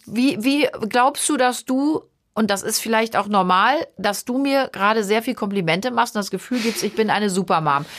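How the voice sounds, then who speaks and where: A woman's voice: on the high side, moderate pace, hardly any pauses, fairly bright tone. A middle-aged woman hosting a casual podcast chat as a mother, teasing and pressing for answers. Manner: probing, teasing, pushes for answers.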